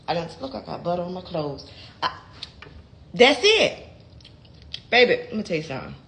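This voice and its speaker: Folksy chatty woman, low voice. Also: expressive, rapid-fire, gravelly, fairly bright tone, a little hiss or hum. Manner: chatty, folksy, calls viewers baby and child. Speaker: home cook and gardening creator. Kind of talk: casual how-to vlog. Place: home kitchen.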